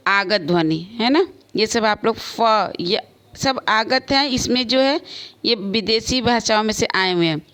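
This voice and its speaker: Slow, patient woman teacher. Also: fairly high pitch, fairly bright tone. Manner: slow, explains with spoken examples and varied emphasis. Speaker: school teacher. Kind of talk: online class lesson.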